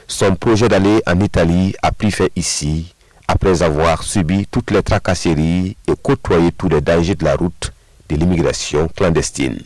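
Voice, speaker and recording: A male reporter reads his news story in a formal, scripted manner with a very deep voice. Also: darkish tone.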